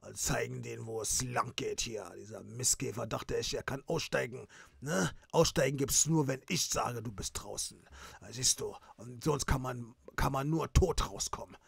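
Brief: a man doing a violent gangster uncle, low gravelly growl, quick to yell. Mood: gloating. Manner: growling threats, sudden yelling. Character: menacing male gangster uncle, hot-tempered.

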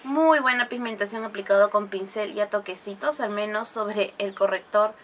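A woman's voice: medium pitch, steady tone, moderate pace, slight background noise. A woman talking through a makeup tutorial, chatty and explaining each step as she goes, with bursts of gushing praise for the products. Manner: gushing exclamations over products. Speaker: beauty vlogger.

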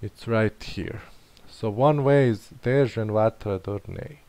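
This man thinks aloud as he streams a map-guessing game, muttering, faltering, and questioning his own picks. He speaks slowly in a lowish voice with a darkish tone, and there's no room sound.

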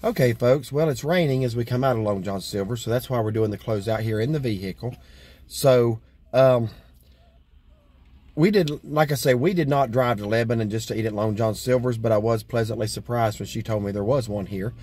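A man's voice: mid-range voice, a little fast, a little mellow. Folksy rambling man reviewing a meal. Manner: rambling, folksy, frequent fillers. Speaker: vlog host. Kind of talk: casual food review chat. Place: inside a parked vehicle.

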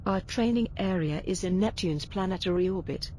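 A woman voicing a calm female ship AI, an uploaded mind guiding a pilot in measured, instructive game dialogue. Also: on the low side, slight background noise, close to an everyday voice. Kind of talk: scripted game tutorial dialogue.

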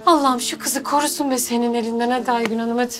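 Actress as a stern, high-voiced woman who tells someone off, with music under. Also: fairly even intonation, quick pace, close to an everyday voice. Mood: reproachful. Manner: firm, reproachful.

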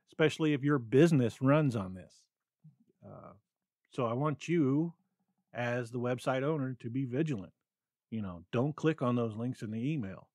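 A man's voice: medium pitch, a little mellow, dry recording, clean studio sound. A man hosting his own solo podcast, talking without a script, rambling with many ums and stammers. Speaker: podcast host. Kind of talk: unscripted solo podcast talk.

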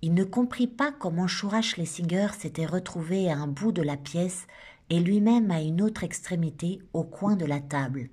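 A woman reading a novel aloud, narrating in a steady, measured way. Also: on the low side, slightly rough. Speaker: audiobook reader. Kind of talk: literary novel read-aloud.

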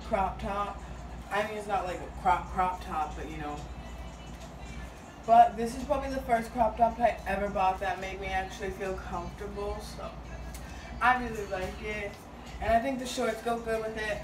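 A woman's voice: medium pitch, moderate pace, over music. A young woman casually vlogging a clothing haul in a small home kitchen, chatty and upbeat, often trailing off. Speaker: fashion vlogger. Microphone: phone camera set far across the room. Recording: echoey room, mic far off, noisy.

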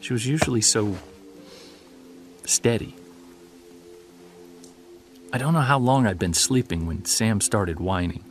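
With soft music underneath, a man plays a witness recalling an unsettling memory from his childhood, telling it hesitantly and conversationally in a naturalistic audio drama style. His natural voice is on the low side and a little slow, with long pauses, and the mood is uneasy and reflective.

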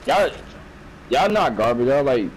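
A man's voice: mid-range voice, big pitch swings, unhurried, heavy background noise. A man chatting casually with friends during an online shooter, full of laid-back slangy banter. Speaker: gamer. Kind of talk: casual gaming chat. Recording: loud game gunfire over voice. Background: video game gunfire and effects.

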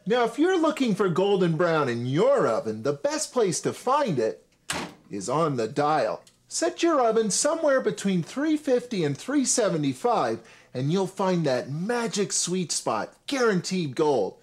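A man's voice: high voice, huge pitch swings, measured pace, a little hiss or hum. A man in his thirties hosting a cooking show, talking viewers through each step in an upbeat, instructive way with playful asides. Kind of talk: scripted cooking show presenting. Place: home kitchen and supermarket.

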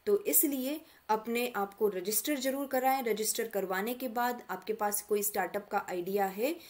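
A woman's voice: mid-range voice, moderate pace, darkish tone. A woman mentor walking students through an online course portal in a patient, step-by-step tutorial. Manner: patient step-by-step explaining, addresses students directly. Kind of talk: screen-recorded tutorial walkthrough.

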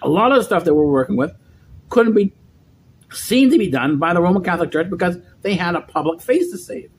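High-voiced middle-aged man lecturing. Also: animated, a little fast, husky. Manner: lecturing, with frequent restarts and repeated words. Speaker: vlogger. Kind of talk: rambling monologue. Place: dim indoor room.

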